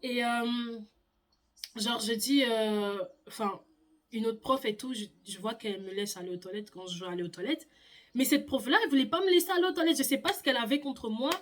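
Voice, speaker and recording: A young woman vlogger telling a personal story in a casual, animated way, sometimes stammering. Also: on the high side, fairly quick.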